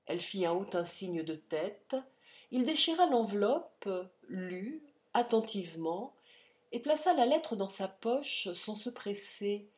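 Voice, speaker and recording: A woman narrating a classic novel as an audiobook, in a measured, dramatic reading. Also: medium pitch, sing-song, darkish tone.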